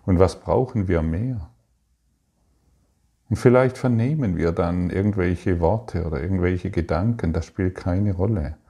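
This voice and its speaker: A man giving a calm, reflective spiritual talk, speaking slowly with pauses and restarts. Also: sits low. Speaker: spiritual teacher.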